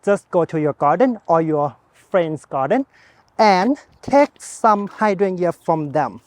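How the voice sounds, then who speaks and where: Higher-voiced man. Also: takes it slowly, no room sound. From Thailand. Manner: chatty, relaxed, speaks to viewer directly. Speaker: gardening channel host. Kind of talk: casual how-to gardening vlog. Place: outdoors in a home garden.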